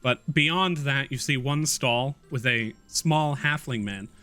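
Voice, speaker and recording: A man's voice: medium pitch, takes it slowly, faint music behind. A man narrating scenes as game master of a tabletop roleplaying game. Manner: relaxed, descriptive narration.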